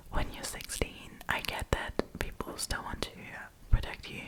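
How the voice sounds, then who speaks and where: An ASMR host, a woman, talks in a breathy, unvoiced whisper while reading stories and adding chatty, informal, opinionated comments. The recording quality is low.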